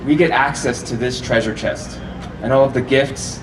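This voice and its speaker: An easygoing festival speaker with a middle-pitched voice and normal pace quizzes a live audience, laughing frequently in a relaxed, chatty way. He's often far from his handheld or stand mic, so the room sounds echoey and noisy.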